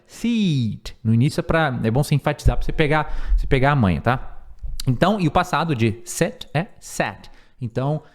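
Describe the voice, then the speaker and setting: A man teaches English phrases in a screen-recorded voice-over, with a somewhat high voice that rises and falls a lot. He is patient and repeats each word, slowing right down whenever he gives an example. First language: Portuguese. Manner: patient, repeats and spells out words, slows for examples. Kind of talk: language lesson explaining phrases.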